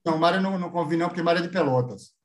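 A man's voice: a little high, very fast. A man, telling stories as a guest author in a casual, joking interview. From Bahia, Brazil. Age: 50s. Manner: irreverent, joking storyteller who mimics voices.

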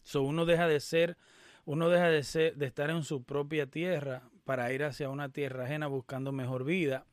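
A man's voice: fairly high pitch, level tone, brisk, no echo, studio quality. Emphatic man commenting over a clip. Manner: emphatic, opinionated, interrupts the clip to explain. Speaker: commentator reacting to an interview clip. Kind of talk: casual commentary.

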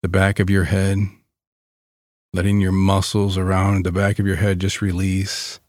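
Very slow, calm man guiding meditation. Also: deep voice, no echo, clean studio sound. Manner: calm, soothing, gentle delivery with long pauses. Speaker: guided meditation leader.

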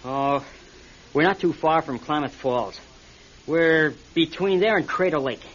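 In a radio drama, an American man plays an injured, practical, defensive pilot stranded after a crash, sounding weary yet reassuring. His voice is fairly high-pitched and a bit bright, delivered at a measured pace. The old radio recording is dull and noisy.

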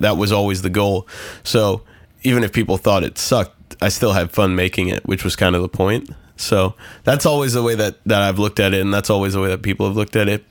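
Low-voiced man in casual, close-sounding conversation. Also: dry recording. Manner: self-deprecating, laughs easily. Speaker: musician, podcast guest.

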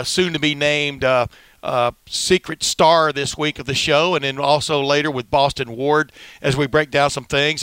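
Bright, crisp-voiced male sports podcaster. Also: fairly high pitch, no room sound. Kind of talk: chatty sports commentary and interviewing.

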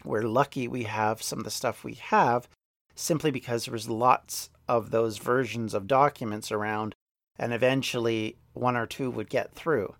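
A man of ordinary pitch talks through history as a podcast host, thinking aloud and now and then restarting a word. He slows down to lean on important points. His voice is recorded close and dry, with no room sound. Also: steady tone, no echo. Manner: thoughtful, restarts mid-word, slows to stress key words. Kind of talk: unscripted history explainer.

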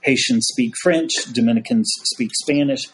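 A man's voice: mid-range voice, normal speed. Man, folksy storyteller, priest on a podcast, casual chat. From United States. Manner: folksy storyteller, frequent "y'all". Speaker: Episcopal priest, podcast guest.

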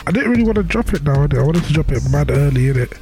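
A man's voice: on the high side, expressive, mellow, soft background music. Young London man with a roadman accent. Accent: London, urban street slang. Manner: London roadman talk, slangy, halting and repetitive. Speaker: rapper, podcast guest. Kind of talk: casual interview chat.

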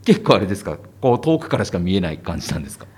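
A man's voice: deep voice, sing-song, racing, darkish tone, husky. A man hosting a podcast interview, asking curious questions with frequent short reactions. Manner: curious, lots of backchannel reactions. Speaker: podcast host. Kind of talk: casual interview chat.

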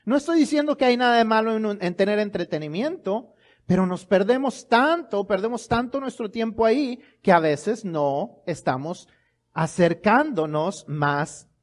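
A man's voice: high-pitched, lively intonation, moderate pace. A man, a pastor, preaching a sermon with emphatic delivery and rhetorical questions.

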